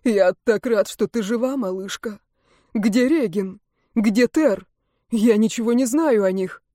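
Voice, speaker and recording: A woman's voice: fairly high pitch, unhurried, no echo, studio quality. A woman voicing a tired but tender older man in an audiobook. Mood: relieved. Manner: warm, relieved, tender.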